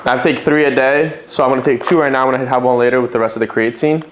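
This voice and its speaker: A man with a middle-pitched voice chats loosely to the camera in a home fitness vlog, drifting between thoughts with frequent ums and self-corrections. His delivery is relaxed and unscripted. A faint background noise sits under the voice. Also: racing. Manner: rambling, loose, lots of fillers and self-corrections. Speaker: fitness vlogger. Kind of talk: casual vlog chat.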